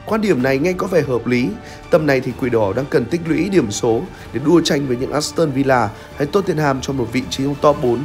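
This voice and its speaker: A young man reads a scripted football review as a commentator, with a lively, dramatic storytelling delivery, recorded on a studio set with a lavalier mic. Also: medium pitch, brisk, soft background music. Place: red studio set with screens. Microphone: lavalier mic on shirt.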